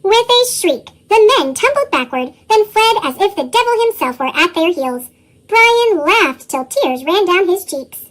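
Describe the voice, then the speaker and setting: A storybook narrator whose voice is run through a sped-up chipmunk effect, reading a tale aloud with lively chuckles in the dialogue. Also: unhurried. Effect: sped-up, pitched-up chipmunk voice.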